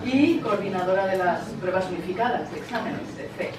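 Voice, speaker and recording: A woman's voice: mid-range voice, expressive, brisk. Female introducer, formal, off-mic in a reverberant, noisy room. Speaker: introducing a speaker. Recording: echoey room, distant mic, clear noise.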